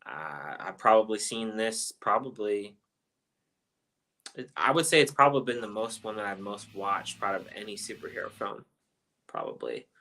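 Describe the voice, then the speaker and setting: A man with a fairly low voice and a bright, forceful tone hosts a casual film chat. He rambles loosely, circling back through his points with plenty of ums and uhs. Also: lively intonation, moderate pace, low-quality recording. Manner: loose, rambling delivery with many fillers. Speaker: host of a movie review chat.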